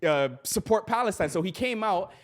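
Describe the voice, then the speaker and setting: Male co-host, voice a bit high, slangy, rambling, hesitant conversational delivery. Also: expressive, normal speed. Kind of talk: casual political chat.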